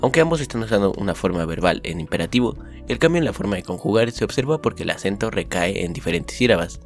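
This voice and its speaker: A man with a low, voice narrates a scripted summary of school lessons. He reads the lesson text at an even, steady pace. Faint music plays under his voice. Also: quick pace. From Mexico. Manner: upbeat intro, then steady reading of lesson text.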